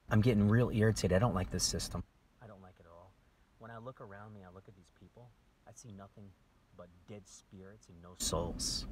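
A man in an angry monologue to camera, ranting and accusing, his voice swinging between shouting and low muttering, often swearing. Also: a little hiss or hum. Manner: profane, accusatory.

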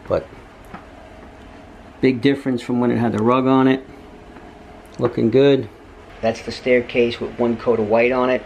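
A middle-aged man talks through a home renovation in a relaxed, joking way, recorded on the camera's own mic inside a house. His voice sits at an ordinary pitch, with a faint hiss of background noise underneath. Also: measured pace, gravelly, pauses often. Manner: easygoing, joking, chatty. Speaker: DIY vlog host. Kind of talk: casual home-project vlog. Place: staircase in a home, indoors.

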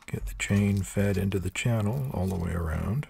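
A man's voice: low-pitched, moderate pace, vocal fry, dark tone, a little hiss or hum. An older man giving a hands-on tool review in a plain-spoken, practical way with dry asides. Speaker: product reviewer. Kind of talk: hands-on product review narration. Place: workshop table.

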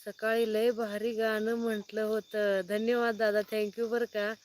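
A woman's voice: mid-range voice, level tone, unhurried, a little mellow, slight background noise. A woman farmer from Sangli district, chatting on a phone live stream outdoors at night, reading out viewers' names and greeting each one. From Sangli district, Maharashtra. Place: outdoors at night, sitting under a light.

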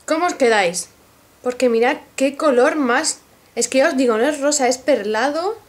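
Her voice is high-pitched and her speed normal as this Spain-accented beauty vlogger shows off makeup in a relaxed haul. She gushes with excitement, talking right to the people watching.

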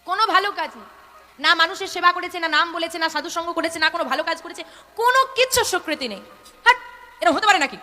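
A woman's voice: extremely high pitch, fast, bright, forceful tone. A woman voicing a stern, commanding male king of the dead in a devotional story. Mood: insistent. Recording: echoey hall, faint music.

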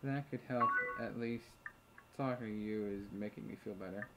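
A let's play host with a fairly low male voice casually commentates a chat game at a moderate pace, reading messages out loud, muttering asides, and swearing freely. Heavy background noise fills the clip, including loud keyboard clicks and typing.

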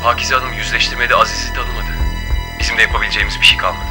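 A man's voice: mid-range voice, fairly even intonation, very fast, over music, natural voice. An actor playing a man urgently delivering bad news.

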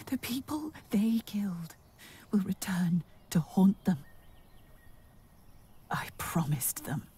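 An actress playing a mother who tells her son a sad story in a slow, hushed manner, often sinking to a whisper. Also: fairly low pitch, husky.

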